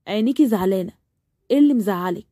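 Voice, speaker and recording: A woman's voice: mid-range voice, animated, rapid-fire, mellow, no room sound, clean studio sound, pitched below the performer's own voice, lightly acted. A woman voicing a protective, probing older sister with an Egyptian accent.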